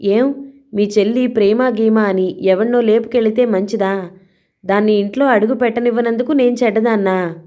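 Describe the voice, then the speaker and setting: A woman's voice: fairly high pitch, fairly even intonation, moderate pace, dark tone, pitched above the performer's own voice, natural voice. A woman voicing a frightened young wife who protests and pleads tearfully in a read-aloud crime story. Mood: indignant.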